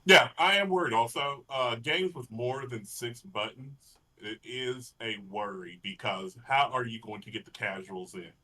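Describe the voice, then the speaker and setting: A man from Texas with a Texan accent, co-hosting a casual fighting-game podcast and making his points in an earnest, deliberate way. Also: mid-range voice, bright, forceful tone. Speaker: podcast co-host. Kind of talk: casual chat.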